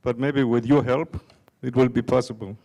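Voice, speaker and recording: Unhurried older man at a conference. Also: medium pitch, steady tone, dark tone, highs cut off. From Denmark. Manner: unhurried, halting with fillers. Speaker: conference speaker. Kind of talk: conference talk. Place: conference hall.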